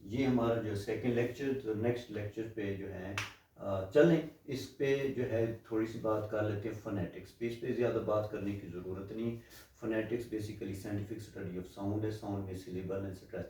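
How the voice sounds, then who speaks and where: A man lecturing on linguistics, explaining patiently and posing questions to his listeners before answering them. His voice is dark and mellow. It comes from well back from the mic in a very echoey room. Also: fairly low pitch, fairly even intonation, moderate pace, distant mic. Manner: explanatory, asks rhetorical questions and switches into English phrases.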